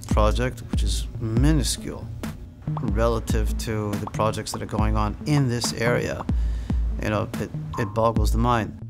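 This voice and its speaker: An older man from Australia, a rabbi, speaking in an interview indoors, halting with fillers and restarts. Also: fairly low pitch, flat delivery. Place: indoor room. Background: music.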